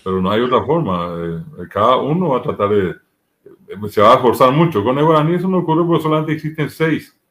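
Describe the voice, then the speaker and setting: In an interview, a language teacher with a Paraguayan Spanish accent explains grammar step by step, giving spoken examples. His voice sits at a medium pitch.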